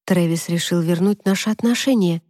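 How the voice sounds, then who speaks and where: A woman reading a first-person story aloud in steady, measured scripted narration on a close mic. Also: fairly low pitch, no echo. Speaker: audiobook narrator.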